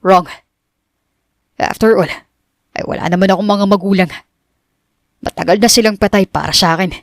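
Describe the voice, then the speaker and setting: A woman's voice: mid-range voice, normal speed, no echo, studio quality, natural voice. A woman voicing a bitter, cold young man who speaks curtly and cuttingly, read as an audiobook character. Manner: curt and cutting, mixing English in.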